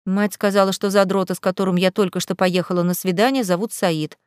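A woman's voice: mid-range voice, fairly even intonation, fairly quick, clean tone, dry recording, clean studio sound, natural voice. Nika, a woman playing a snappy spoiled girl. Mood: irritated. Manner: snappy, irritable.

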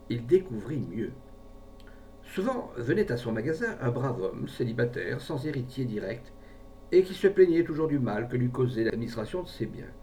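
A man narrates a tale with gravel in his voice and a lively, rising and falling delivery. He reads expressively, like an audiobook performer. The mic sits away from him, with a faint rumble underneath. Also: distant mic. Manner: theatrical, voices each character with lively pitch. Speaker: narrator reading a short story.

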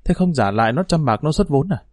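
A male storyteller giving an expressive reading of a short story, voicing each character's lines with shifts in pitch and pace. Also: fast talker, dry recording, clean studio sound.

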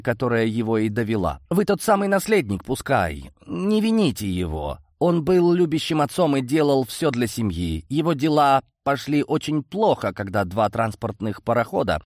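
A man voicing an anxious, courteous nobleman who pleads in a raised, breathy tone. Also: medium pitch, big pitch swings, normal speed, few pauses, no echo, clean studio sound, voice pushed up, natural voice. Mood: apologetic. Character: anxious, courteous middle-aged count, pleading.

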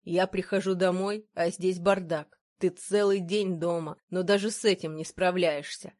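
A woman's voice: lowish voice, moderate pace, no room sound, studio quality, close to an everyday voice. A woman voicing a cold, scornful husband. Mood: cold, dismissive. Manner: harsh, dismissive, icy. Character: cold, contemptuous adult husband.

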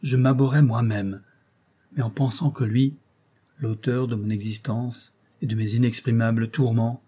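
A man reads the part of a giant, tormented creature with a dark, husky voice, pouring out bitter reproach. The lament stays close to a reader's own voice, mellow and breathy in tone, as in a spoken audiobook. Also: mid-range voice, lightly acted. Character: giant monstrous male creature, anguished and bitter. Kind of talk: audiobook reading.

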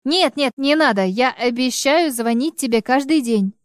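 A woman reading an audiobook, voicing a flustered wife who rushes through her lies in a nervous, overly bright way. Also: high voice, animated, clean tone, no room sound, clean studio sound.

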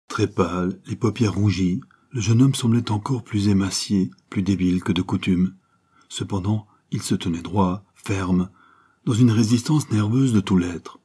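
A male audiobook narrator with a low, dark voice and a husky grain. He reads in a steady, measured way.

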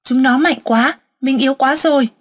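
A woman shouting as a raving possessed old man. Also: high-pitched, normal speed, voice pushed up. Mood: terrified. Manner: shouting accusations, wild and fearful.

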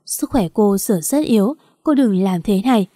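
A woman reading a calm old male doctor. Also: mid-range voice, no room sound, clean studio sound, natural voice. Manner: calm, measured.

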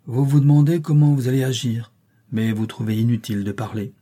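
A tormented middle-aged gentleman speaks with impassioned urgency, as a man reading the story voices him. The voice is dark and mellow, with a husky edge. He pleads and argues as if hurt. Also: medium pitch, fairly quick, lightly acted.

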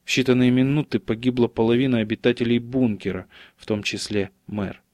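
A man's voice: mid-range voice, fairly even intonation, fairly quick, a little mellow, dry recording. Male audiobook narrator, dry close voice.

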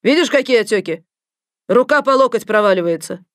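Audiobook: a woman doing a loud, rude middle-aged gynecologist who shouts at patients; dry read. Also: medium pitch, brisk, no echo, lightly acted. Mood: scolding, shouting. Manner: shouting, scolding.

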